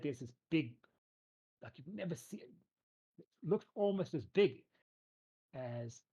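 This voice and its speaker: A man's voice: mid-range voice, darkish tone, muffled recording. A man improvising narration as game master of a tabletop role-playing game, in a conversational storytelling style.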